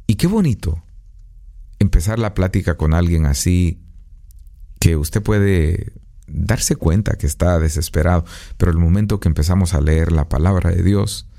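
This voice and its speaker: Radio preacher, male, 50s: very deep and gravelly, earnest pastoral delivery, studio booth. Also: moderate pace, dark tone. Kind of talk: radio devotional sermon. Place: recording booth. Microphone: studio microphone.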